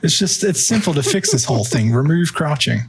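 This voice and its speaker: A man's voice: a little high, animated, fairly quick, gravelly, crowd noise. A man co-hosting a casual gaming podcast, blunt and laid-back, swearing freely. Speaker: podcast co-host.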